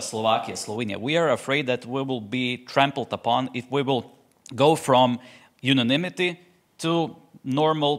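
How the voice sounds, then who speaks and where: A man's voice: mid-range voice, fairly bright tone. Male panelist from Croatia, earnest policy talk with frequent self-corrections. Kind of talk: panel discussion.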